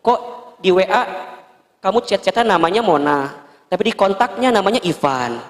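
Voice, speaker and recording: A wounded wife with a lilt pleads softly and then presses her husband with pointed questions, as a male preacher puts her on. The voice sits high for a man. A long hall reverb trails every phrase. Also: lively intonation, moderate pace. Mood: questioning. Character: distressed wife confronting her cheating husband.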